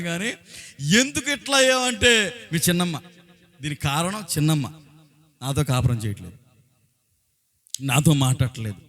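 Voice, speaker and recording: Higher-voiced man preaching a sermon. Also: a bit bright. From Andhra Pradesh, India. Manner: exhorting, often breaking into short acted quotes and raising his voice; colloquial, rhetorical questions to the congregation. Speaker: pastor.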